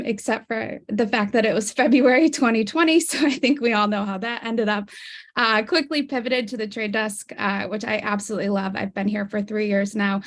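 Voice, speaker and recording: A woman giving a casual, upbeat self-introduction as a panelist on an online video call. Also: a little high.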